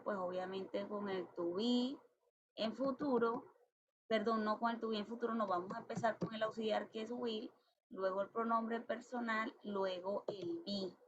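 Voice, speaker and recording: A woman teaching an English grammar lesson, explaining step by step with patience and reading the English examples out slowly. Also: medium pitch. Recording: dull lo-fi sound with faint noise.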